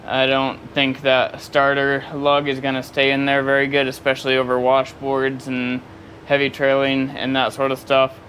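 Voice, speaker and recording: Worn-out male vlogger, mid-pitched, casual and rambling, outdoors with faint background noise. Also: monotone, moderate pace, hardly any pauses, a bit bright. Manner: rambling, easygoing, with many fillers and laughs. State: tired. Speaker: vlogger working on his truck. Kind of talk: casual off-the-cuff vlog talk. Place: outdoors beside a truck in hot weather.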